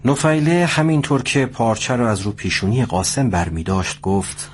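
A man narrating a scripted story at a steady pace. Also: medium pitch, husky.

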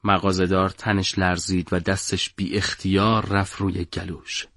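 A man narrating a story for an audiobook in a measured, dramatic way. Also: deep voice, level tone, a bit bright, no echo, studio quality.

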